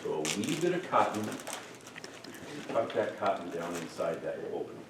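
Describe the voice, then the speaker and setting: A middle-aged man instructing a group in a hands-on demonstration, relaxed and joking as he works. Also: fairly low pitch, moderate pace. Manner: relaxed, jokey, talks while working. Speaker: first aid instructor. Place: room with participants. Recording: echoey room, distant mic, noisy.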